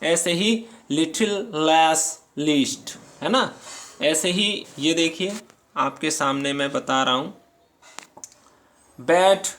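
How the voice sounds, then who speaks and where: Male language teacher, fairly high voice, unhurried delivery, patient explainer who keeps checking the class is following. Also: fairly bright tone. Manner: slow, patient, reads English lines aloud then explains; checks in often with "theek hai". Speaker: English teacher. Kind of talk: grammar lesson explained in Hindi.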